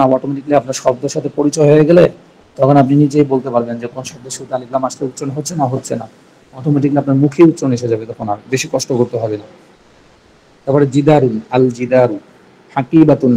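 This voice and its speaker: A man with a Bangladeshi Bengali accent teaching Arabic grammar in a recorded class, patiently repeating each point slowly. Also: medium pitch, warm tone, slightly rough, rough recording.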